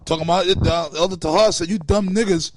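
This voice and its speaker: A man's voice: high voice, fairly even intonation, fast, a little hiss or hum. A man in an open religious forum, reading scripture aloud and scolding his critics in a profane, confrontational way. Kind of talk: preaching, reading scripture with commentary.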